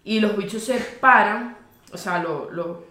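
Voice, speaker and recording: A woman with a Venezuelan accent, co-hosting a podcast and telling legends in a lively, slangy, casual way. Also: mid-range voice, a little slow, echoey room, background noise. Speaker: podcast co-host.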